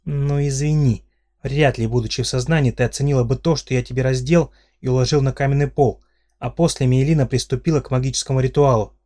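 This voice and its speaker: A man reading the part of a brash red-haired young man in an audiobook, delivering gruff, blunt comebacks. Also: medium pitch, steady tone, fast, warm tone, close to an everyday voice. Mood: defensive.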